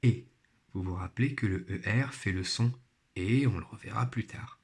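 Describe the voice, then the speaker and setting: A man's voice: fairly low pitch, normal speed, creaky. A man teaching a primary phonics lesson, speaking patiently and spelling out each sound and syllable carefully. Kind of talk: recorded remote phonics lesson.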